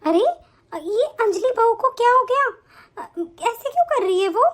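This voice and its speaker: A woman voicing a doting, fretful older mother-in-law in an animated story. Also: extremely high pitch, moderate pace. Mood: worried.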